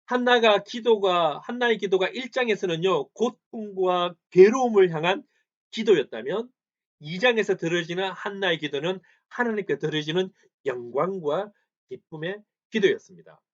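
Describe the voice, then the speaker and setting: Male preacher, fairly high voice, rhetorical questions and repeated lines, sermon recorded in church. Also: normal speed. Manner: asks the congregation questions and answers them himself; repeats phrases for emphasis. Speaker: pastor. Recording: slightly dull lo-fi recording.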